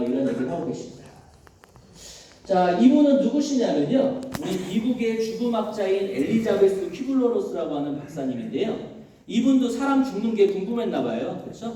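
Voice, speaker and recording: High-voiced man lecturing in an echoey hall. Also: dark tone. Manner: storytelling with rhetorical questions to the audience. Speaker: lecturer on death and dying. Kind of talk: Lenten church lecture. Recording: very echoey, distant mic, faint noise.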